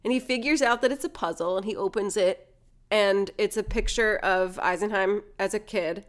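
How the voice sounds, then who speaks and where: A woman's voice: mid-range voice, normal speed. A woman in casual chat, animatedly retelling a film plot, acting out the characters' lines and swearing now and then. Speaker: podcast host retelling a film.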